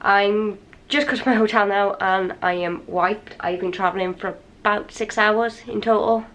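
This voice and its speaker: A woman chatting casually to her camera in a hotel room, slightly raspy and a little wheezy from a cold, rambling and tired. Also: mid-range voice, fairly even intonation, normal speed, fairly bright tone. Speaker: vlogger. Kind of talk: casual vlog chat to camera. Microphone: handheld camera.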